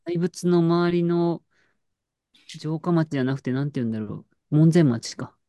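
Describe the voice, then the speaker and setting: A woman's voice: low-pitched, normal speed, dark tone, no room sound. A woman in casual chat, telling an anecdote with lots of fillers and restarts. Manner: storytelling with frequent fillers and laughs.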